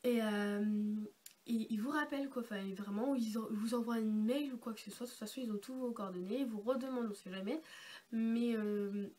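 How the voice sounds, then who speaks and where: A woman's voice: fairly high pitch, steady tone, brisk, warm tone. A young woman vlogger with a congested, sick-sounding voice, explaining things in a casual, chatty, rambling way. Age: young adult. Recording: noisy amateur home-video sound.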